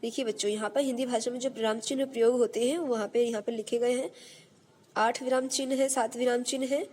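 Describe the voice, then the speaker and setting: Teacher woman with a high voice. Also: fairly even intonation, a little fast, darkish tone. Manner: explains and repeats, often says "okay students". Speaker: school teacher. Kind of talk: online grammar lesson.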